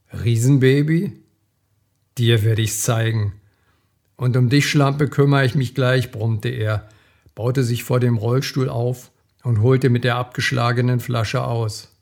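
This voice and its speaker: Male audiobook reader, slow dramatic thriller narration, mid-pitched voice. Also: creaky, darkish tone. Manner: measured, dramatic storytelling.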